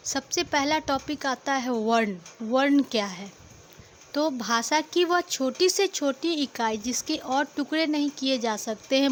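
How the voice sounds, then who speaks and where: A woman's voice: sits high, slight background noise. A woman teacher explaining a lesson step by step to children and reciting letters one by one. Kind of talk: classroom lesson.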